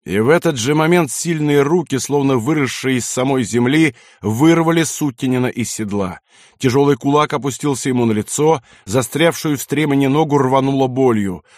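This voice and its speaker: A man narrating a war novel as an audiobook, reading in a measured, dramatic way. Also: medium pitch, a little mellow, no echo, clean studio sound. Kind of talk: scripted narration.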